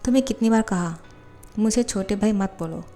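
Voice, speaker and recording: A woman's voice: medium pitch, brisk, dark tone, soft background music, close to an everyday voice. A woman reading the part of a jealous, sulky ten-year-old boy in a fan fiction voiceover. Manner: curt, scolding.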